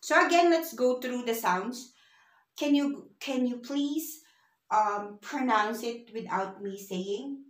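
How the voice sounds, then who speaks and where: A woman's voice: on the high side, slow pace. A woman teaching a beginner language lesson, patiently spelling out letters and sounds one at a time. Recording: echoey room.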